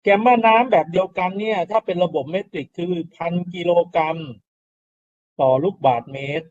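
A man's voice: sits high, lively intonation, normal speed, a little mellow. Lo-fi recording of a lecturing man. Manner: explanatory, repeats key terms, rhetorical questions to students. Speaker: university lecturer. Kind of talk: classroom lecture on soil mechanics. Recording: dull lo-fi classroom recording.

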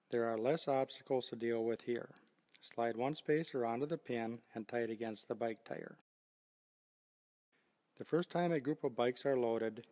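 An older man giving a steady, scripted step-by-step demonstration of loading bikes onto a rack. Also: medium pitch, long reverb tail. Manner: steady, methodical step-by-step explaining. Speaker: product demonstrator. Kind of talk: scripted instructional narration.

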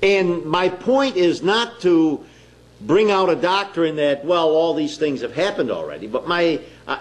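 A man preaching a sermon in a slow, deliberate, emphatic way, pausing between phrases. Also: a little high.

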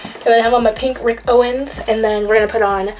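A woman's voice: a little high, fairly even intonation, quick pace, darkish tone, slight background noise. A young adult woman vlogging to camera in a casual, candid and confiding way.

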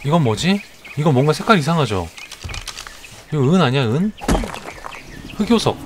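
Excitable man streaming a survival game. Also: on the high side, moderate pace, noisy background. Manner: chatty, narrates each move, shouts excitedly at fights. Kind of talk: live game commentary.

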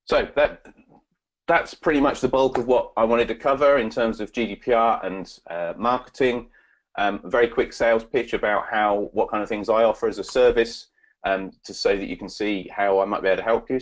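A man giving a webinar presentation and answering questions, halting with many fillers and restarts. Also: on the low side, steady tone.

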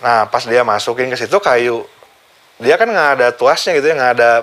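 A man, casually recounting a personal story for his vlog, animated and chuckling now and then. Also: mid-range voice, a little fast, slight background noise. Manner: animated, chuckles while telling, acts out the quoted voices. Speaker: vlogger recounting his accident.

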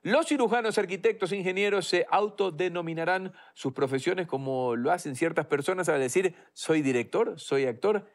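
A man's voice: high-pitched, moderate pace, hardly any pauses. A man hosting a TV interview in a studio, asking playful, teasing questions. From Ecuador. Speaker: TV host.

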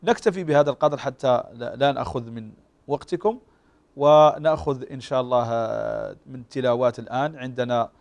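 A man teaching Quran recitation rules on a TV program, slowly demonstrating how each word is pronounced. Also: medium pitch, vocal fry. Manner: slow, drawn-out demonstration of pronunciation; explains calmly with frequent fillers. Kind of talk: tajweed lesson on a TV show.

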